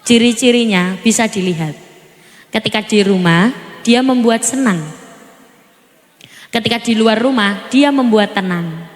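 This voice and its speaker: A woman preacher giving a lively sermon, quizzing and teasing her audience. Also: on the high side, measured pace, pauses often. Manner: animated, asks the audience questions and teases. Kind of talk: lively village sermon with jokes and crowd questions. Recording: echoey hall over PA, faint noise.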